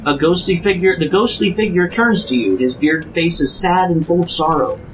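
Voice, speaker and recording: A man running a tabletop game as dungeon master, describing scenes in a steady narrating voice with small fillers. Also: fairly high pitch, moderate pace, poor audio. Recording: faint background noise.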